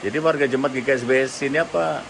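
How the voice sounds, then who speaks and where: A man's voice: medium pitch, fast. Attentive man with a lilt. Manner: attentive, with frequent soft affirmations. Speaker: visiting interviewer. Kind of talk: casual conversational interview. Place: home visit, indoors. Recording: clear background noise.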